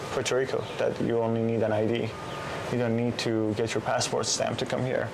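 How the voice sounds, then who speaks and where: A man in his thirties from Iran, a Persian speaker, talking thoughtfully in a casual interview with many pauses and restarts. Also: mid-range voice, little pitch movement, creaky, background noise. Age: 30s. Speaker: poet, guest.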